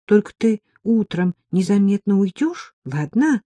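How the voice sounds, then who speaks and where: A woman voicing a timid young woman servant who frets and pleads, speaking in a raised, mellow voice in an audiobook. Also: medium pitch, expressive, moderate pace, no echo, voice pushed up, close to an everyday voice. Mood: anxious. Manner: pleading, fearful.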